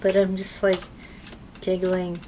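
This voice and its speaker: Fairly low in pitch, completely flat in delivery, and slow, this tarot reader talks casually with lots of fillers as she shuffles her cards, the sound of which is clearly audible.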